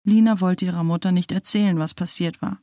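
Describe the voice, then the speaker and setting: A woman narrating a spooky storybook in a slow, measured, dramatic way. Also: on the low side, steady tone, dark tone, no room sound, studio quality.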